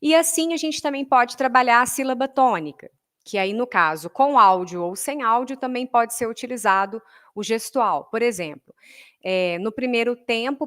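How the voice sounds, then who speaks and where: A woman's voice: fairly high pitch, fairly bright tone. A woman with a Brazilian Portuguese accent, a music teacher giving an online workshop lesson. She explains patiently, keeps checking in with her listeners, and counts beats aloud in rhythm.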